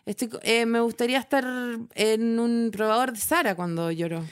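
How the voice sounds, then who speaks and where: A woman with a Chilean accent chatting casually as a podcast co-host, telling stories with halting restarts. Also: fairly high pitch, clean tone. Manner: rambling storyteller, halting restarts. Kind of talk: casual chat.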